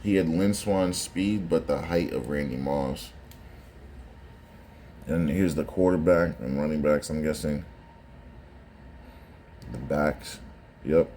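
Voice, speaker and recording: A man's voice: a bass voice, slow pace, long pauses, warm tone, slight background noise. A man giving casual, conversational reaction commentary on sports footage, often repeating phrases for emphasis.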